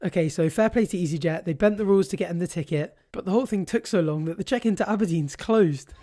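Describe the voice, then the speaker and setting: Cheeky British male commentator, fairly high voice, very quick casual delivery, opinionated and sweary. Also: mellow, slight background noise. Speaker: commentator presenting clips.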